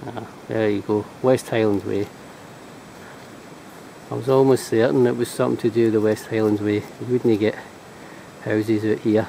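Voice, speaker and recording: A man with a Scottish accent narrating a walk casually, thinking aloud in a low-key way as he records outdoors. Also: level tone, moderate pace, gravelly, warm tone, a little hiss or hum, low-quality recording. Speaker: walking vlogger. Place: outdoors on a walking trail.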